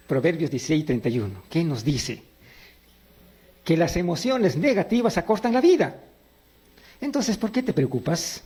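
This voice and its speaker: A man's voice: a little high, slightly rough. A middle-aged man preaching a sermon, asking his listeners questions and telling his own stories. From Peru. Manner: animated, asks the audience questions and answers them. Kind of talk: sermon with personal anecdotes.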